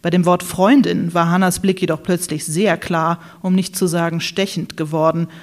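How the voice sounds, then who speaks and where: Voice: mid-range voice, little pitch movement, moderate pace. An audiobook reader narrating a satirical novel in a dry, ironic manner.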